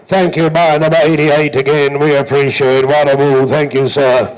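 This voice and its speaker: Over background noise, a South African man runs a livestock auction with a repetitive, rhythmic chant and flashy, emphatic patter. His voice is a little high, delivered flatly at normal speed.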